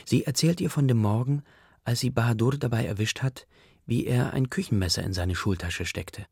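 A man reading a story aloud in the first person, in a quiet, subdued way. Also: medium pitch, normal speed, no room sound, studio quality. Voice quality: gravelly, husky. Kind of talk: audiobook narration.

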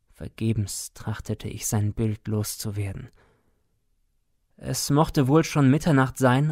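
Male audiobook narrator, slow and solemn, close dry mic. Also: mid-range voice, a little mellow, no echo. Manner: measured, solemn, dramatic. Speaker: audiobook reader. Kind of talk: scripted narration of a classic tale.

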